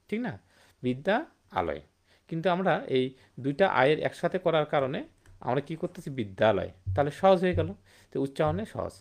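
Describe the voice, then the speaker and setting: A man's voice: medium pitch, gravelly, a little mellow. Man, grammar teacher, online class, rhetorical check-ins, repeats key terms. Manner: rhetorical questions with "hum?" and "thik na?"; repeats and stresses key words. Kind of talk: online Bengali grammar lesson.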